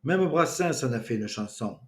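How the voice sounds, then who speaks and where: A man's voice: medium pitch, expressive, normal speed, natural voice. A man voicing a sly troublemaker who teases with innuendo. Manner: teasing, insinuating. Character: mischievous male troublemaker, sly.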